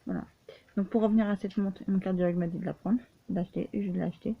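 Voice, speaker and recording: A woman vlogging casually, speaking haltingly with many restarts and fillers, often tired and short of breath. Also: medium pitch, steady tone, gravelly, breathy edge. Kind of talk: casual personal vlog. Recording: tinny phone-like sound.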